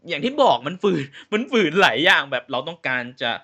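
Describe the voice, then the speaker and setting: A man's voice: fairly high pitch, expressive, fast, pushed and bright. A man giving a casual spoken review on his channel, ranting with exasperated rhetorical questions in loose, slangy talk. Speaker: vlogger reviewing a series.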